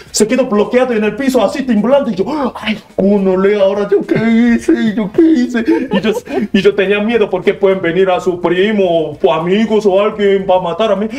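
High-voiced Korean man telling stories. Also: darkish tone. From South Korea. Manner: acts out scenes, jumps high for quoted lines, broken learner's Spanish. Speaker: interview guest. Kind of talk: animated storytelling in an interview.

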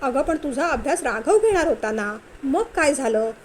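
A woman's voice: sits high, moderate pace, slight background noise. A woman voicing a kind elderly father-in-law who asks questions lovingly. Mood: calm. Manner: loving, calm.

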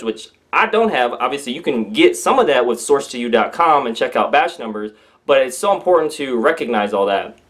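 Brief: young male vlogger, casual commentary, excitable, exclaims and trips over words. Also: medium pitch. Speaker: vlogger reading and commenting on a letter.

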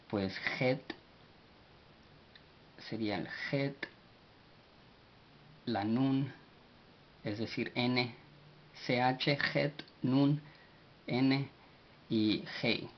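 A man giving a vocabulary lesson, spelling words out letter by letter and pausing often with fillers. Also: mid-range voice. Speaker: language teacher. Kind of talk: slow spoken vocabulary lesson. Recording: dull lo-fi recording with faint hiss.

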